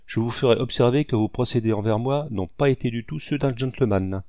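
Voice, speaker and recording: A man's voice: mid-range voice, fairly quick, a little mellow, no room sound, studio quality, natural voice. A man voicing a haughty male English agent who speaks stiffly.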